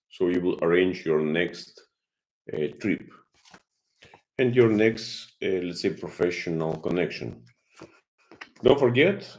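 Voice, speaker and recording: Man, very low voice, unhurried, live stream host, halting with fillers. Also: a little mellow. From Kazakhstan. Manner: halting, many fillers and restarts. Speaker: channel host, marine consultant. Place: home in Greece.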